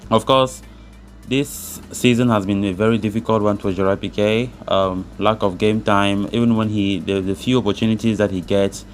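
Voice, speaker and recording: A man's voice: fairly low pitch, steady tone, normal speed, faint music behind. A man presenting football news, reading a script and adding his own commentary.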